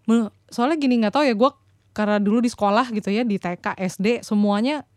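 Counselor co-host: fairly high-voiced woman, dry close sound. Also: fairly quick, a little mellow, no room sound. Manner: encouraging, frequent agreeing backchannels. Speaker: podcast co-host, parenting counselor. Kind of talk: casual chat.

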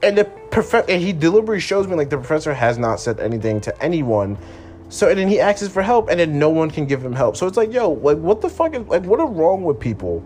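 A man's voice: on the high side, big pitch swings, quick pace, darkish tone, a little hiss or hum. A man in his twenties delivering a frustrated, profane late-night solo rant from his room at home, repeating himself as he vents. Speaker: podcast host.

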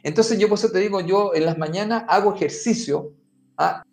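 High-voiced man explaining in a roomy echo. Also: fairly quick, vocal fry, a little mellow. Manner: talks straight to the listener, often saying "mira" and "amigo". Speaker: podcast guest giving advice. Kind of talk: conversational explaining. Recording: roomy echo with faint music.

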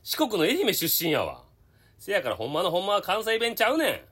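A woman playing a timid, insecure middle-aged male radio co-host who speaks a fake Kansai accent and mumbles and hesitates, turning gruff when annoyed. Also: medium pitch, huge pitch swings, a little fast, a bit bright, full character voice. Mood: grumbling, defensive. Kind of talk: comedy radio sketch.

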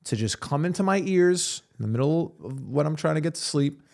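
A man's voice: a little high, a little fast, vocal fry. A man co-hosting a podcast, joking in casual chat. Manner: animated, jokey. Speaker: podcast co-host.

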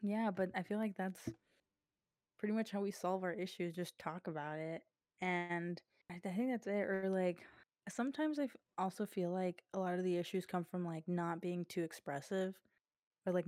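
Lower-voiced young woman, chatty. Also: moderate pace, darkish tone, dry recording, clean studio sound. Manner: chatty, fillers like "like", laughs often. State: coughing, breathing hard. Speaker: podcast co-host. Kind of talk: casual chat. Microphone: podcast mic.

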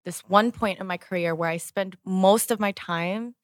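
A woman's voice: medium pitch, moderate pace, no room sound, clean studio sound. A young woman chatting casually as an entertainer guest in an interview. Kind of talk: casual chat.

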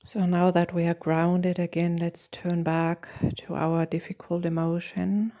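Low husky lady leading a meditation, slow and soft, lots of fry. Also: flat delivery. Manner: slow, soft and soothing, with long pauses. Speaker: meditation guide. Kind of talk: guided meditation.

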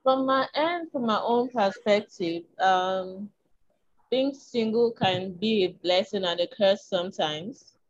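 A Nigerian woman with a small, tiny, medium-pitched voice speaks slowly as an interview guest in a candid conversational chat. She's frank and reflective, using frequent ums and soft laughs, and the recording sounds muffled.

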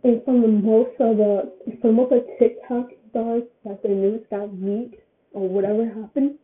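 A woman's voice: a little high, steady tone, moderate pace. An eighteen-year-old woman giving her opinion in a casual vlog, rambling and often repeating her phrases. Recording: tinny phone-like sound.

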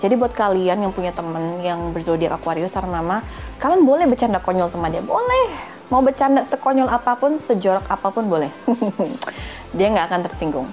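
A woman's voice: medium pitch, a little mellow. A woman hosting a podcast in a casual, playful way, slipping English phrases into her friendly advice. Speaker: podcast host. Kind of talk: casual chatty advice talk.

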